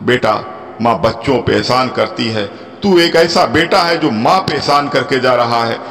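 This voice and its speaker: A man voicing a pleading elderly woman, his voice climbing high and tearful as she pleads and blesses. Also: moderate pace, lightly acted. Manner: tearful, pleading, rising to high emotional appeals. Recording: long hall reverb with soft music.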